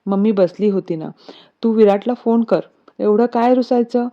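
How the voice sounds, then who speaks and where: Woman reading a calm caring mother. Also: medium pitch, normal speed, natural voice. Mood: motherly. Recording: dull lo-fi recording.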